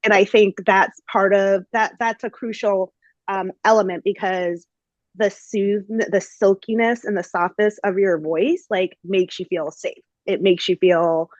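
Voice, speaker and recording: A woman's voice: mid-range voice, fairly even intonation, measured pace, no echo, lo-fi sound. Chatty woman podcast host. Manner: chatty, many fillers and "like". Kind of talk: casual conversational storytelling.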